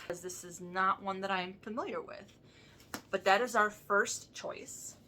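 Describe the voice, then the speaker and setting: A woman's voice: medium pitch, bright, forceful tone, a little hiss or hum. A woman with a lisp that makes her s sounds slushy, chatting casually to viewers as a book vlogger and thinking aloud as she goes.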